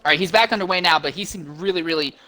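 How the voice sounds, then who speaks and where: Bright, forceful male motorsport commentator. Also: sits high, very fast. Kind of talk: detailed live race play-by-play commentary.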